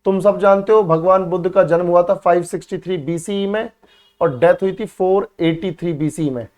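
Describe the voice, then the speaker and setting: A male teacher with a high voice drills students in an exam-prep history lesson, repeating key words and calling them beta and bhai. He talks at normal speed with a slightly mellow tone, asking questions and then answering them himself.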